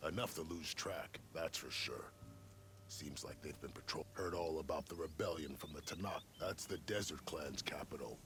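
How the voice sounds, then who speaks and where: An actor playing a gruff, laconic scout in a video game, speaking in a terse, understated way. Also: male voice, extremely low pitch, normal speed, background noise. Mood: matter-of-fact. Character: gruff, laconic male scout of a salvage crew. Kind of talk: video game character acting.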